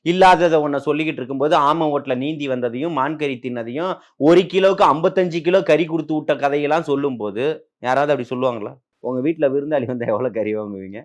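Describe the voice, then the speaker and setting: Combative high-voiced man firing questions. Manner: combative, rapid rhetorical questions. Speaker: political guest. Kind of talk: heated political interview.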